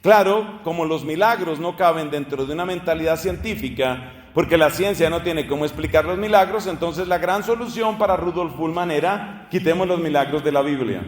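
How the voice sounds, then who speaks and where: A male preacher gives an earnest teaching sermon, asking rhetorical questions and spelling out names letter by letter. His voice sits high for a man. It rings through an echoey space with a long reverb tail. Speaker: priest preacher.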